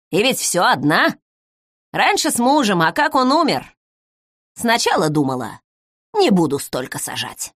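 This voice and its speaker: A woman voicing a sharp-tongued, wary elderly village widow who talks bluntly and mockingly. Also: mid-range voice, dry recording, studio quality, heavily acted.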